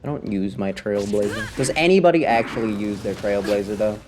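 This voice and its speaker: With game music playing behind him, a man gives casual live commentary on a video game, talking wryly and sarcastically to himself and his viewers. His voice is fairly low and darkish, and he speaks fairly quickly.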